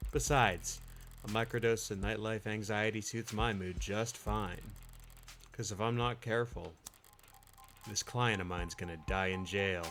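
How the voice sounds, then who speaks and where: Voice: medium pitch, steady tone, a little slow, a bit bright, slight background noise, voice pushed down. A live streamer voicing a weary, hard-boiled defense attorney, narrating in a dry noir voice-over. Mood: world-weary.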